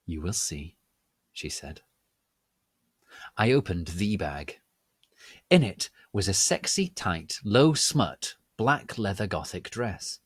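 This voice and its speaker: A man's voice: fairly low pitch, husky, no echo, studio quality. A man narrating a dramatic reading of fan fiction in a hammy, theatrical, stagey manner.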